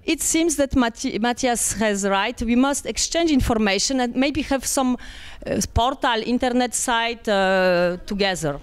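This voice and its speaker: Woman commenting at a panel, halting delivery, fairly high and clear voice. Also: expressive. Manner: halting, with many restarts. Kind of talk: public comment. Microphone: handheld mic.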